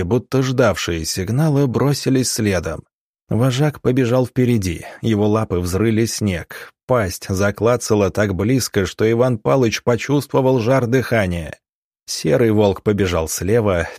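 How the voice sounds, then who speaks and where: Man narrating an adventure story, low dry voice. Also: darkish tone, dry recording. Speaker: audiobook narrator. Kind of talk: scripted narration.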